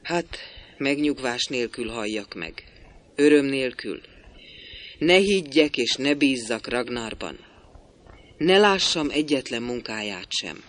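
A man's voice: mid-range voice, expressive, long pauses, a bit bright, lightly acted. A man reading a play aloud, voicing an ailing old man who pleads in a tired way. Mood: pleading.

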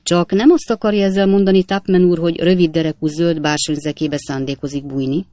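A portly elderly club president, stiffly formal and indignant, peppering every sentence with a clipped "sir", as a male audiobook reader puts him on. His voice has a gravelly grain, recorded dry and close. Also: a little high, animated, a little mellow, no room sound. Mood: indignant, stern. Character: stout elderly gentleman club president, stern then kindly.

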